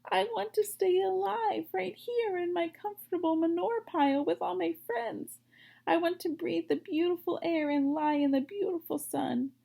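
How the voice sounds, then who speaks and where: Lady doing a scared little boy piglet for a story, high whiny pleading, super dramatic. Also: moderate pace, gravelly, warm tone, full character voice. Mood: wailing. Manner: wailing, pleading. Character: panicked, sobbing young male pig, childish and dramatic.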